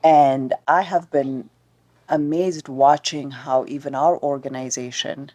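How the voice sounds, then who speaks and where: Low, mellow-voiced woman from Ethiopia. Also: fairly even intonation, no room sound. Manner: thoughtful, measured, affirming. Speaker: podcast host. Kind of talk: reflective conversation.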